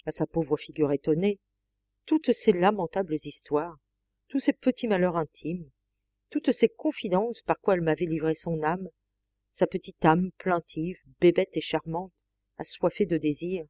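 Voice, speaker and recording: A woman reading a first-person novel aloud as an audiobook, in a measured, expressive way. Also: lowish voice, no room sound. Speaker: audiobook reader.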